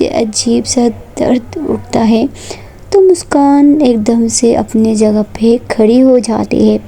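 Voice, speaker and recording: A woman narrating a romantic story in a soft, partly whispered, drawn-out way. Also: on the high side, vocal fry, husky.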